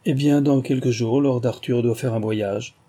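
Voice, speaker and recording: A man reading an audiobook, voicing a nervous male palm reader who speaks slowly and guardedly. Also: mid-range voice, fairly even intonation, dark tone, lightly acted.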